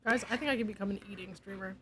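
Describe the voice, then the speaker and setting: A woman's voice: medium pitch, racing, a little hiss or hum, poor audio. A young woman streaming, chatting casually and giggly, sometimes dropping to a near whisper. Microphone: desk mic.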